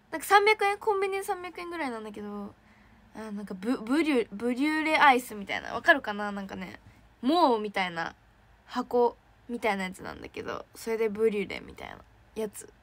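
High-voiced bubbly young woman streaming. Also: a little fast. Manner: chatty and bubbly, reacting with excited squeals. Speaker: idol trainee streaming to fans. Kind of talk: casual livestream chat reading fan messages.

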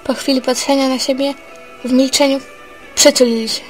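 A woman narrates a homemade story in a steady, earnest reading voice. Her pitch sits a little high for a woman. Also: a little fast, faint music behind, low-quality recording. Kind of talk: read-aloud storytelling.

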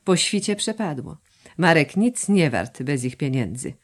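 A woman's voice: deep voice, expressive, unhurried, exaggerated voice. Woman voicing a cocky, sly young student. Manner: mocking, swaggering.

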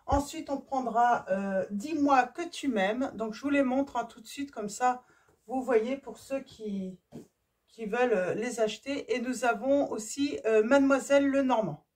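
A woman with a hoarse voice reading tarot cards for her viewers, casual and hesitant, often stopping to search for words. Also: a little high, unhurried, darkish tone, recorded from a distance. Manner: hesitant, many fillers and restarts. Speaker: tarot reader. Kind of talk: casual card-reading video.

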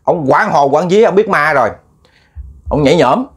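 A man's voice: fairly high pitch, expressive, moderate pace, slightly rough. A man with a Southern Vietnamese accent telling a ghost story in a chatty, repetitive way, addressing listeners as family. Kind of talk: casual spoken storytelling.

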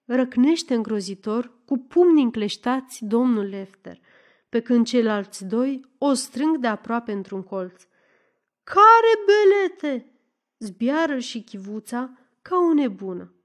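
Audiobook narrator, woman, fairly high voice, expressive storytelling read. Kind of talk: scripted narration.

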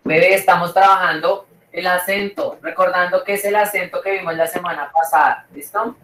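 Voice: medium pitch, steady tone, fairly quick, fairly bright tone, reverberant, recorded from a distance, a little hiss or hum, poor audio. A teacher giving an online class, repeating each point and checking in with the students again and again. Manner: repeats and checks with "¿cierto?" and "¿listo?".

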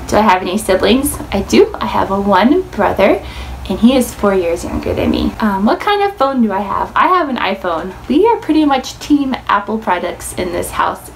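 Filmed in a small room in front of a plain wall, an American vlogger in her twenties from Indiana talks informally to camera and often uses "like." The audio is poor, with noticeable room noise behind her mid-range voice.

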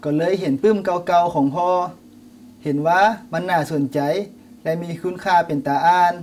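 An actor playing a young Lao nephew in a scripted teaching skit, earnestly explaining an old proverb book. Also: male voice, sits high, steady tone, moderate pace, a little mellow, natural voice. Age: young adult. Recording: distant mic, faint noise.

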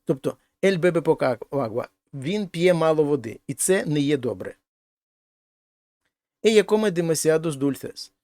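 A man's voice: a little high, lively intonation, a little slow, a little mellow, no echo, studio quality. A man teaching a language lesson, explaining grammar step by step and translating each example sentence. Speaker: Spanish teacher.

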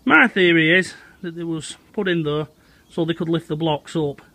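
Strolling through woodland with his phone held at arm's length, a middle-aged Lancashire man from England chats to his "Hot Potters" while exploring old railway sites. He speaks at a moderate pace in a fairly high, sharp-toned voice, and there's no echo.

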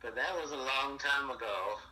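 A man in his seventies making a casual phone call, chatting in a drawn-out, meandering way. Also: medium pitch, bright, forceful tone. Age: 70s. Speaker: caller on the phone.

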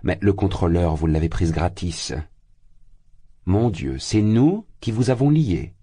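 An older mother defending her daughter, reproachful and quick to flare up, as a man reads her. The voice is low, husky and dark. It sits close and dry. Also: lively intonation, no echo, exaggerated voice. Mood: outraged. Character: worried older mother, protective and indignant.

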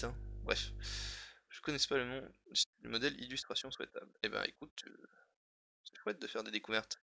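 On a laid-back live stream, a man with a medium-pitched voice, vocal fry and a sharp tone thinks aloud while editing a dictionary wiki. He mutters and repeats words to himself as he works, chatting with viewers in between.

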